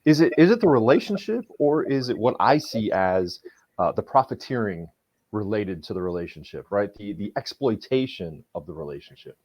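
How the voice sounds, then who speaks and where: Man, low pitched, reflective, casual podcast chat, muffled dry recording. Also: sing-song, moderate pace, no echo. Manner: reflective, repeats words while thinking. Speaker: podcast host.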